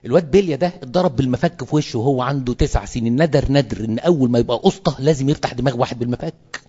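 A man speaking with an Egyptian Arabic accent, a priest addressing fellow clergy in an animated sermon-style talk full of rhetorical questions. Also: mid-range voice, rapid-fire, slightly rough, muffled recording.

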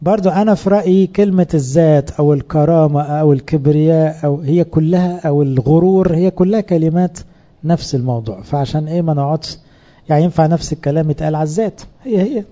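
A man's voice: on the high side, quick pace, warm tone, muffled recording. A man with an Egyptian Arabic accent giving a sermon to fellow priests, talking in a conversational way and asking rhetorical questions. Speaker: priest teaching other priests.

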